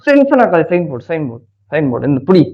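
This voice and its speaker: A man's voice: fairly high pitch, sing-song, fast, muffled recording. A young man in a couple's prank vlog, curtly repeating short insistent commands at home. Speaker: vlogger husband.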